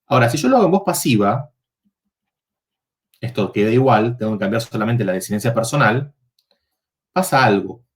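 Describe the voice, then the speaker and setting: A man's voice: medium pitch, expressive, normal speed, long pauses. A man teaching a university Latin workshop, explaining verb forms step by step and checking in with the students.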